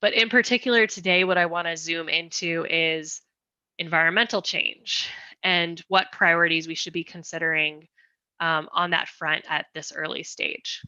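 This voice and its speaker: A woman leads a community meeting presentation, explaining design ideas with careful, patient steps. Her voice is bright and a little low. The sound is dry and dull, like a lo-fi video call. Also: steady tone, smooth, no echo. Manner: explanatory, careful, slowing down on request.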